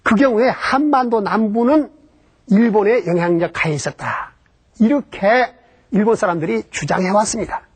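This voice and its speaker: A man's voice: high-pitched, expressive, normal speed, husky. A man giving a history lecture about Japan, explaining step by step and posing rhetorical questions that he then answers himself.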